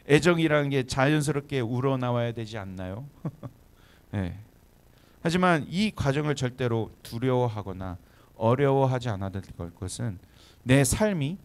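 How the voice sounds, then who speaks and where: A man from Chungcheong, Korea, preaching as a pastor to young adults in a church, talking conversationally with frequent quick affirmations. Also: medium pitch, vocal fry. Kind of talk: sermon to a young adult congregation. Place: church hall.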